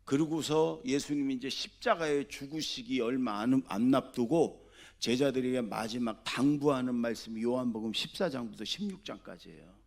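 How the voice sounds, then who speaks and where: A man preaching a Sunday sermon as senior pastor, talking conversationally and often asking the congregation questions, swinging between loud exhortation and soft asides. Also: mid-range voice, normal speed, vocal fry.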